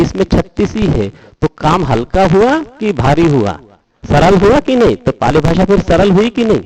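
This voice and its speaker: Middle-aged male dhamma teacher; unhurried, slightly raised pitch, slow drawn-out chanting. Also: darkish tone, poor audio. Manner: explains slowly, then chants Pali verses drawn out. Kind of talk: dhamma talk teaching Pali pronunciation.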